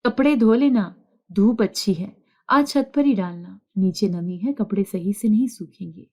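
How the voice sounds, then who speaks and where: A woman's voice: medium pitch, warm tone, close to an everyday voice. A woman voicing a scheming, spiteful older mother-in-law who scolds and taunts, read in a storybook narration. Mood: commanding.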